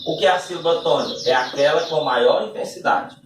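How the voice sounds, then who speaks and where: A man's voice: on the high side, fairly quick, distant mic, a little hiss or hum. A man teaching a lesson, explaining patiently step by step and often checking in with his listeners. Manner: patient step-by-step explaining, frequent tag questions. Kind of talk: recorded classroom-style lesson. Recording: echoey room, voice from off-mic.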